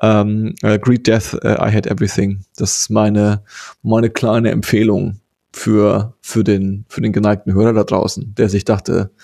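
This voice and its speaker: A man's voice: lowish voice, level tone, measured pace, creaky, warm tone, no echo, studio quality. A man co-hosting a podcast, chatting casually and rambling with many fillers and restarts. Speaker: podcast co-host.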